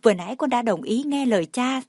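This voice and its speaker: A woman's voice: a little high, lively intonation, quick pace, darkish tone, dry recording, voice pushed up. Woman voicing a young wife, emotional, imploring, dry close sound. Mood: pleading.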